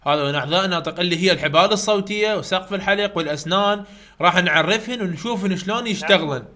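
Speaking very fast, a man with an Iraqi Arabic accent delivers a live online phonetics lecture in a high, bright, forceful voice. As an English tutor he is chatty, repeats his main points, and addresses students directly.

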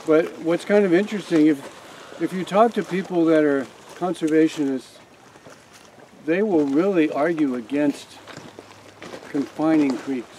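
Slightly high and darkish in tone, the older man's voice moves at a measured pace as he casually walks a group around his farm. There's slight background noise and the recording is rough, captured by a camera among the standing listeners. His rambling speech is full of restarts and fillers.

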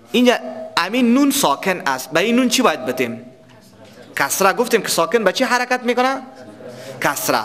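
A man teaching tajweed, explaining recitation rules and quizzing students before answering himself, with verses chanted slowly as examples. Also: fairly high pitch, a bit bright. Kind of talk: tajweed lesson.

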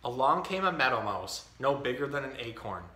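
Expressive man reading in an echoey room. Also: medium pitch, fairly quick. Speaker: storytime host. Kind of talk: reading a children's picture book aloud. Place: indoor tiled-floor room. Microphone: camera a few feet away.

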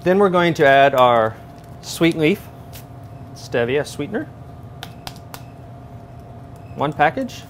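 A man's voice: fairly high pitch, unhurried, slight background noise. A man in his thirties, a chef demonstrating recipes step by step in a large professional kitchen, on a lapel mic. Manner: steady step-by-step instruction. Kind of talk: cooking demonstration.

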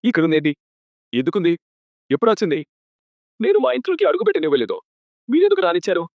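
A male actor in a TV serial plays an elder brother who is domineering and hot-tempered, furiously scolding his sister and threatening her. His high-pitched voice swoops wildly and moves fast, with an exaggerated quality. The sound is a dull, dry, lo-fi recording.

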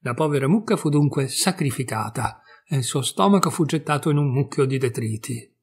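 A man reading a fairy tale aloud with expressive storytelling. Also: medium pitch, brisk, husky.

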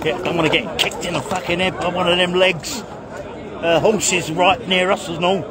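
A man's voice: high voice, steady tone, moderate pace. An older man, filming and commenting while walking through a football crowd, chatty and swearing. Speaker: vlogger filming fans. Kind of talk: handheld street commentary. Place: outdoors by a stadium among crowds. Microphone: phone camera held while walking. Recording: loud crowd and street noise. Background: loud crowd noise.

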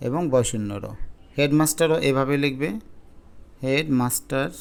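A man teaching a spelling lesson to exam students, explaining slowly and repeating each spelling step. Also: on the high side, clear, resonant tone.

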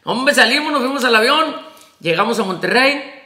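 A man with a Mexican Spanish accent tells a personal story in a casual vlog, rambling and emotional, full of fillers and restarts. His voice sits high and sounds bright and gravelly. The room around him is echoey. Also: animated, moderate pace. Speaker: vlogger telling prison release story.

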